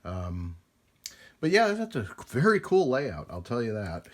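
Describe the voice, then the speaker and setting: Speaking a little slowly, this man has a mid-range voice whose pitch swoops wildly. He's showing off vintage radio equipment in a relaxed vlog, rambling in a folksy manner and hesitating as he works with his hands.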